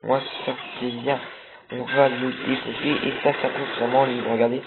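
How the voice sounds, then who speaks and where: A young man talks through his gameplay in a loose, rambling way, full of fillers and restarts. His voice sits at an ordinary pitch for a man. The sound is thin and tinny, with loud game music playing underneath. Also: level tone, normal speed. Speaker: gameplay video creator. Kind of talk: casual gameplay commentary.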